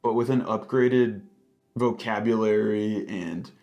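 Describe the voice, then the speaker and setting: A man's voice: lowish voice, fairly even intonation, slow, darkish tone, highs cut off, soft background music. A man co-hosting a casual book discussion, sounding exasperated and opinionated, peppering his talk with "like". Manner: exasperated, frequent filler "like".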